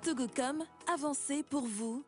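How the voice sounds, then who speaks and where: A woman reading an upbeat scripted advertisement with bright, emphatic selling. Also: high-pitched, measured pace. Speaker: ad announcer. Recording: loud music bed behind voice.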